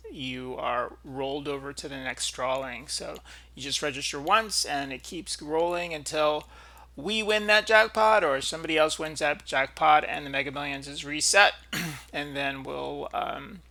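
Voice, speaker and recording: A man hosting a video with casual, unscripted commentary, speaking haltingly and often clearing his throat. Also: on the high side, bright, forceful tone. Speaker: video host.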